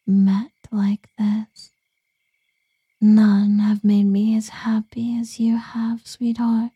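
A woman voicing a seductive, doting female succubus lover in an ASMR roleplay, whispering softly and cooing pet names. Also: mid-range voice, breathy edge, dry recording, muffled recording, exaggerated voice.

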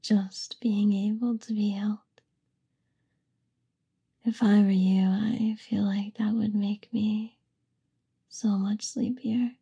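A woman's voice: medium pitch, flat delivery, slow pace, pauses often, dark tone, slightly rough, highs cut off. A young woman whispering an affectionate, soothing ASMR roleplay. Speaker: ASMR performer.

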